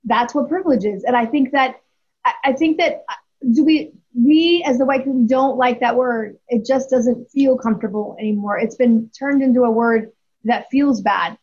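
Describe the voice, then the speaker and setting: A woman's voice: on the high side, moderate pace, darkish tone, slightly rough. A woman in her forties, speaking as a guest and telling a story candidly, with emphasis and frequent restarts. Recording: dull lo-fi audio.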